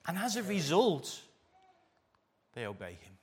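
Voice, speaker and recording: A man from Derbyshire with an English East Midlands accent preaches a sermon live to a church congregation, emphatic and repeating phrases for weight. His voice is on the high side with huge pitch swings, a little slow and slightly rough.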